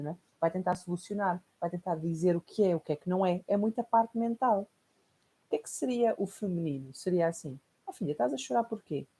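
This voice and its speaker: Lowish-voiced European Portuguese woman teaching. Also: warm tone, slightly rough. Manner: reflective, explanatory, frequent tag questions. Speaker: course teacher. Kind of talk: recorded online lesson.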